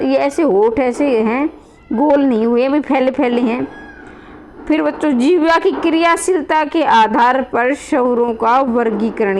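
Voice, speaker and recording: A woman's voice: high voice, a little mellow, a little hiss or hum. A woman teaching grammar to students in a classroom-style lesson, calling them children, repeating points and asking rhetorical questions.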